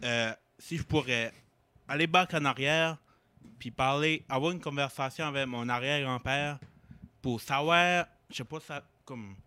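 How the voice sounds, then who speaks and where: A man's voice: mid-range voice, unhurried, bright, forceful tone, clean tone. A man as a podcast guest, talking in a hesitant, self-deprecating way. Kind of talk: casual chat.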